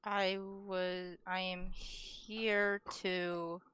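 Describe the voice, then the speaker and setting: A woman's voice: fairly low pitch, little pitch movement, extremely slow, a bit bright, clean tone, no echo. A woman improvising in character as a player in a tabletop game, hesitant and formally worded. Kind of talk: improvised in-character role-play.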